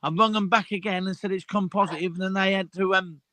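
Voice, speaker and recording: Man, 50s, high voice, stammers and repeats himself, casual group chat, dry sound. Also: fairly even intonation, quick pace, sharp tone, no room sound.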